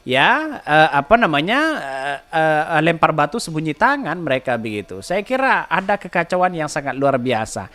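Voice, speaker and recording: A man's voice: a little high, very animated, moderate pace, sharp tone. A man hosting a podcast, giving a rambling political commentary full of rhetorical questions and repeated filler tags. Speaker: podcast host.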